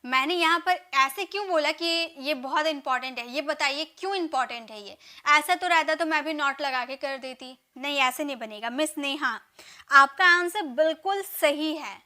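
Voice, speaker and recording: Bright high-voiced woman teacher. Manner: drills sentences, urges students to answer quickly; says English model sentences slowly and deliberately. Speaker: spoken English teacher. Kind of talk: live online class, teaching in Hindi.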